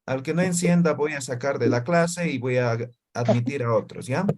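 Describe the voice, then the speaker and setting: A man's voice: medium pitch, moderate pace, background noise. Male teacher, online class, repeats syllables for students to echo, checks in with short tag questions.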